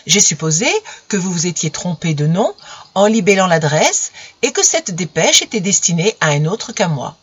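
A man's voice: high-pitched, expressive, moderate pace, a bit bright, dry recording, highs cut off. A narrator voicing a young male politician who answers with glib, teasing composure in an audiobook. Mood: mocking. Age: young adult. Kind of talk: audiobook character voice.

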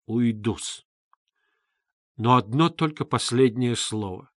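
A man's voice: medium pitch, slow pace, no echo, studio quality, natural voice. A man playing a haughty, spiteful middle-aged suitor who speaks sarcastically and ceremoniously in an audiobook. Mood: bitter.

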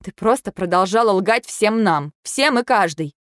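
A woman reading an audiobook, voicing a blunt young woman who speaks forcefully and reproachfully. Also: medium pitch, animated, moderate pace, no room sound, clean studio sound, pitched above the performer's own voice, natural voice. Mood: angry, reproachful. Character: young woman, blunt, sharp-tongued friend.

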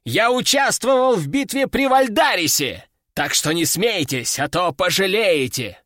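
A man's voice: sits high, animated, measured pace, a bit bright, no echo, clean studio sound. A man voicing a small, boastful, hungry male demon in an audiobook, snarling his lines. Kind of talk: audiobook character voice.

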